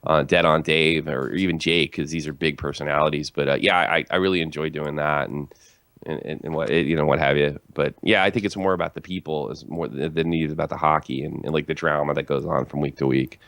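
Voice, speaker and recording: A man's voice: rumbling low, steady tone, a little fast, gravelly, a bit bright, no room sound. A man hosting a casual podcast chat, stammering and restarting his sentences often. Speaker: podcast host.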